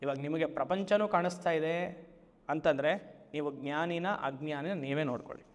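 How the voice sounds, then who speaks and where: Man teaching slowly in a long-reverb room. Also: fairly high pitch. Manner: slow, drawn-out emphatic phrases and frequent rhetorical questions. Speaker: spiritual teacher. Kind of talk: Vedanta discourse.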